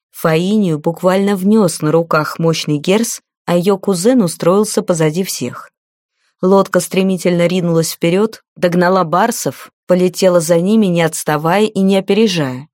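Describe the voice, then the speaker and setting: A woman narrating a fantasy novel as an audiobook, in an even storytelling reading. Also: on the low side, no room sound, studio quality.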